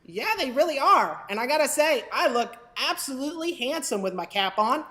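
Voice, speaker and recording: Woman as whiny, vain talking-object puppet, kids' educational show. Very high pitch, cheeky, stammers. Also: very animated, brisk, sharp tone, heavily acted. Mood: cheeky, boastful.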